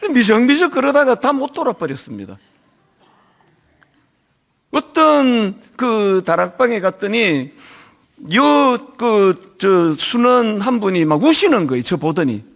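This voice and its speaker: Lively high-voiced male pastor preaching. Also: creaky. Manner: animated storytelling, acting out quoted voices. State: lingering slight cold. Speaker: senior pastor. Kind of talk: sermon. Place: church.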